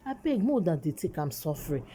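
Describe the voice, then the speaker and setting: A woman's voice: deep voice, sing-song, fast, warm tone, a little hiss or hum. A woman with a Nigerian accent giving casual gossip commentary in Nigerian Pidgin as a vlog host, urging listeners and repeating phrases for emphasis.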